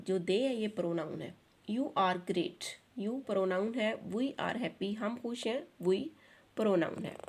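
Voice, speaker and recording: A woman teacher giving an online lesson. She reads English sentences aloud slowly, explains them in Urdu, and spells words out letter by letter. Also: mid-range voice.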